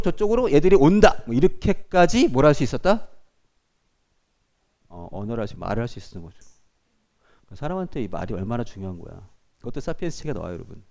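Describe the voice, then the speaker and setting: A man's voice: lowish voice, vocal fry. A man teaching a class, lecturing to students and often checking in with them. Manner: animated, addresses students directly with frequent checks.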